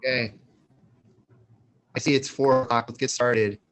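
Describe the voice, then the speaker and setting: A man's voice: mid-range voice, fairly even intonation, background noise. Man chairing a choppy video call. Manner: halting, with hesitant ums. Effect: choppy, breaking-up video call audio. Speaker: committee chair running the meeting. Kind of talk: formal meeting chairing over a video call. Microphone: computer on a video call.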